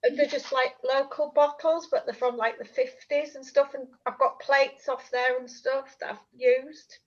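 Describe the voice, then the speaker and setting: A woman, a class participant chatting in a relaxed way. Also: high voice, normal speed. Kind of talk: casual video-call chat. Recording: dull lo-fi call audio.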